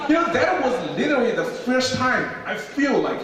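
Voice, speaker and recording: A man's voice: very high-pitched, moderate pace, far from the mic. A young man from China with a Chinese accent, performing stand-up comedy on a theater stage and acting out the people in his stories. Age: young adult. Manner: animated storytelling, acts out other people. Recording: echoey theater hall from afar.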